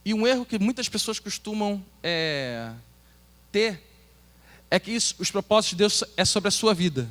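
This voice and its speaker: A Brazilian pastor with a Brazilian Portuguese accent, preaching an earnest sermon and asking the congregation questions. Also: male voice, high voice, expressive, moderate pace, a bit bright. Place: church hall. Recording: long hall reverb.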